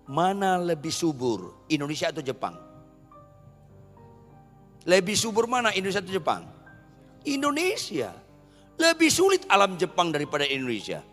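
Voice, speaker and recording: Lively high-voiced preaching man. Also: in a large hall. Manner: animated, asks the congregation questions and answers them. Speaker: pastor. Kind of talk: sermon.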